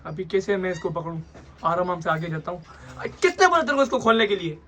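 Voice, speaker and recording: A man's voice: high voice, expressive, fast, fairly bright tone. A young man chatting casually in a pet vlog, coaxing and scolding a child while handling birds by the cages. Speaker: pet vlogger.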